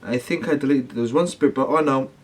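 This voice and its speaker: A man speaks to his viewers in a casual vlog style. His delivery rambles and doubles back on itself, full of slangy, matey phrasing, at an ordinary male pitch. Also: fast talker. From United Kingdom. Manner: rambling, slangy, with self-corrections. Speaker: paranormal investigation vlogger.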